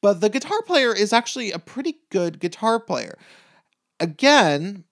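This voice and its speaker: A speaker with an androgynous voice giving a casual, opinionated rant, rambling and halting, with blunt swearing and a sardonic, exasperated manner. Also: mid-range voice.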